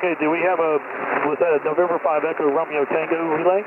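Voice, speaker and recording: A man with a slightly high voice runs a radio check-in roll call, procedural and phonetic. His transmission is narrow-band and swamped in noise. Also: level tone, fast. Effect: two-way radio transmission. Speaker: amateur radio net controller. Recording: very noisy, phone-like radio link.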